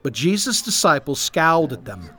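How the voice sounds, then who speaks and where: A man narrating a children's story and then speaking directly to young listeners, with an animated storybook delivery. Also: fairly high pitch, normal speed. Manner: animated, warm storybook reading. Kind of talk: scripted narration for kids.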